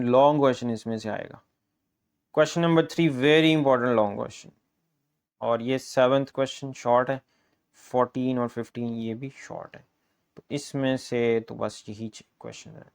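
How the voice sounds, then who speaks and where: A brisk, encouraging man leading a math lesson, his talk tinged with a Punjabi-influenced Urdu accent. His voice sits at an ordinary male middle pitch, and he ticks through question after question with quick repetition. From Pakistan. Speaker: math teacher. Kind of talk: exam guess paper walkthrough.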